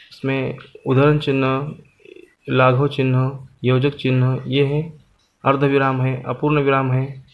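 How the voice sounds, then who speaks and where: A man's voice: fairly high pitch, lo-fi sound. A man teaching a school grammar lesson, speaking patiently and repeating his points and lists.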